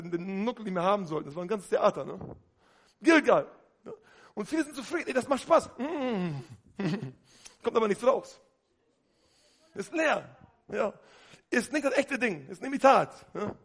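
A man with a high voice preaches a lively sermon. He talks straight to his congregation, asks questions and often calls out hallelujah. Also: moderate pace, gravelly, pauses often.

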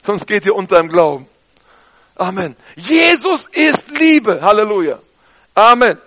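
A man preaching a lively sermon to his congregation, often calling for amen and halleluja. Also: high-pitched, a little slow. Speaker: pastor.

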